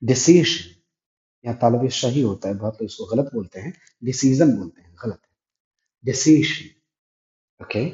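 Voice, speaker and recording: Teacher with a dark, echoey voice. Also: male voice, mid-range voice, brisk. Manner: explains step by step, asks and answers his own questions. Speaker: English grammar teacher. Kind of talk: classroom-style grammar lesson. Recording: echoey room, dull lo-fi sound.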